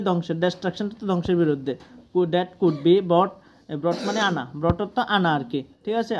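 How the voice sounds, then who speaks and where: A teacher with a Bangladeshi accent, explaining an English text slowly, word by word, and often checking with the class. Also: mid-range voice, a little mellow. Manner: explains each word slowly, often asks "ঠিক আছে?".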